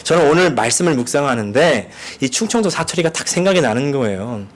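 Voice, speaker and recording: A man's voice: mid-range voice, very animated, quick pace. A male pastor delivering a sermon, telling stories and mimicking dialect phrases for emphasis. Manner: storytelling, mimics dialect lines with rising emphasis.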